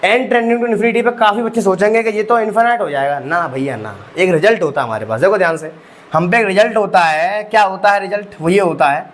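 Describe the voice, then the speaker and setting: A man's voice: high voice, brisk. A young man teaching maths, walking students through each step with rhetorical questions and calling them bhai sahab. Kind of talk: exam-prep lecture.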